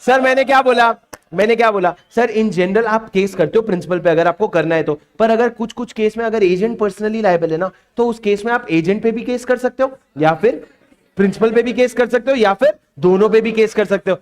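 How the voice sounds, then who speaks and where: High-voiced man teaching a revision class. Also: a little fast. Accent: Indian English. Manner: coaxing, repeats questions to students. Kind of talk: exam revision lecture.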